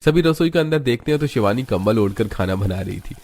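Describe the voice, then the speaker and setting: A man narrating a family drama story in an even, storytelling way. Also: medium pitch, fairly quick, no echo.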